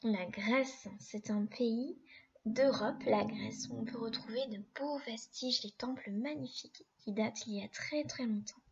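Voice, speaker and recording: A woman teaching a young child to read, saying each word slowly and clearly with patient explanations. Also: on the high side, a little mellow, lo-fi sound. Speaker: primary school teacher. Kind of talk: slow reading lesson for a young child.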